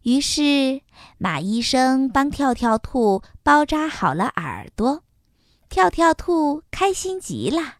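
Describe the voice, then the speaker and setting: High, lively woman telling a kids' story. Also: no echo, studio quality. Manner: slow, sing-song and expressive. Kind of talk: children's story narration.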